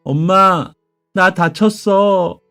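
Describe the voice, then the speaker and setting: A little boy speaks in a raised, childlike voice with playful, grown-up jokes, as a man puts him on. Soft music plays underneath the narrated story. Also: a little high, very animated, measured pace. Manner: playful, mature beyond his years. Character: small joking young son.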